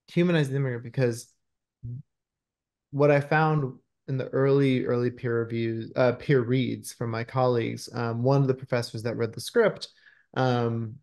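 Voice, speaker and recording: Speaking from home over a video call's microphone, a man in his thirties, a screenwriter being interviewed, explains things earnestly and conversationally. His voice has medium pitch, a darkish tone and noticeable vocal fry.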